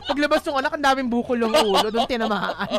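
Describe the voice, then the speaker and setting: A woman's voice: fairly high pitch, fast talker. A woman co-hosting a radio show, chatty and teasing, mixing English into casual banter and reading listener letters. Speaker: radio DJ co-host.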